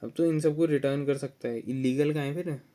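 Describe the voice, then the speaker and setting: A man's voice: fairly high pitch, mellow. Young male peer tutor, casual teasing study chat, tired voice. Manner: chatty, teasing, switches into slow halting reading of English text. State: sore throat, tired. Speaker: student tutoring a friend.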